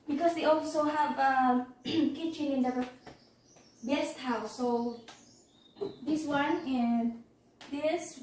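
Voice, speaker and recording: A female vlogger from the Philippines, her voice high, darkish, and slightly hoarse, narrates a relaxed tour of her house both outside on the patio and indoors. Unhurried and halting, she repeats phrases and clears her throat, recorded away from the mic with echo and background noise.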